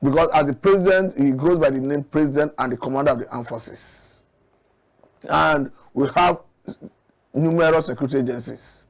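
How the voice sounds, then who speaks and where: A fairly high-pitched male voice with a Nigerian accent offers current affairs commentary as a guest analyst. He argues his points earnestly and with measured care.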